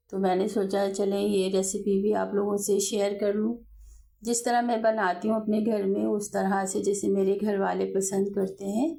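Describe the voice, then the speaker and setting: A woman with an Urdu-speaking Pakistani accent hosts a home cooking channel, walking through a dish step by step from her kitchen in a homely, chatty way. She often corrects herself mid-sentence, and her medium-pitched voice is gravelly and dark.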